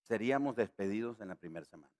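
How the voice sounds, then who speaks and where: A man from Nicaragua, a pastor preaching a sermon, rising in pitch and volume on key words and acting out the voices in his stories. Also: expressive, fast talker, darkish tone.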